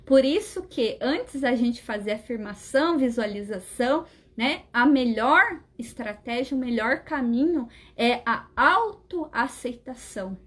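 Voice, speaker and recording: A woman's voice: on the high side, expressive, measured pace, few pauses, fairly bright tone. A woman giving an informal spiritual talk as a therapist, speaking conversationally and constantly checking in with "right?" while acting out inner voices. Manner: conversational, frequent "né?" tag questions, acts out inner dialogue.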